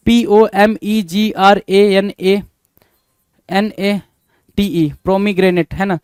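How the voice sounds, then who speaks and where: A man with a high, smooth, clear voice leads an exam spelling lesson. He spells each word out letter by letter and keeps asking his students what the answer is. The sound is close and dry. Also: steady tone, slow pace, darkish tone, no room sound. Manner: spells words letter by letter, repeats questions to students. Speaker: teacher.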